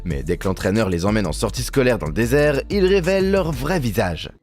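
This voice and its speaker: A man's voice: mid-range voice, big pitch swings, brisk, darkish tone, faint music behind. A man doing humorous scripted voice-over commentary, teasing and mock-indignant as he addresses viewers directly. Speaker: video host and narrator.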